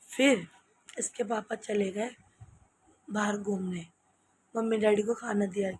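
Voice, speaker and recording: A woman chatting casually in a home vlog, hoarse from a cold and tired late at night, in her home kitchen. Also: mid-range voice, steady tone, slow pace, a little mellow, a little hiss or hum. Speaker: vlogger.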